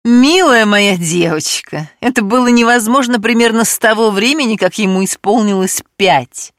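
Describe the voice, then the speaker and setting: A woman voicing a wry, condescending older woman speaking slowly in an audiobook. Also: fairly high pitch, no room sound, clean studio sound, pitched above the performer's own voice, close to an everyday voice.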